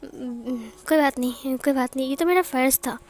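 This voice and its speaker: A woman voicing a gentle, apologetic young male servant who pleads softly in a storybook retelling. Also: sits high, moderate pace, lightly acted. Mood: pleading.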